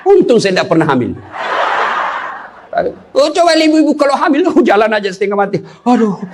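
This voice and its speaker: A man's voice: very high voice, a little fast, noisy background. A middle-aged male Islamic preacher who gives a humorous sermon, joking and calling out to his audience. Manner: joking, animated, calls out to the audience.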